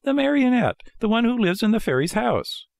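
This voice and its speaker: A man's voice: very high voice, big pitch swings, fairly quick, vocal fry, darkish tone, dry recording, pitched above the performer's own voice, full character voice. A man voicing an impatient, dramatic wooden marionette boy from a storybook, pleading and exclaiming. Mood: pleading, shivering. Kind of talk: storybook character voice.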